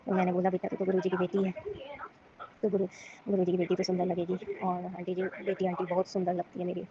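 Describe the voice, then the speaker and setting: A woman from Rajasthan speaks softly and slowly in a devotional testimony, repeating her thanks again and again. Her voice stays very flat and has a gravelly edge. The recording is muffled and lo-fi, with loud noise underneath. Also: lowish voice. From Rajasthan, India.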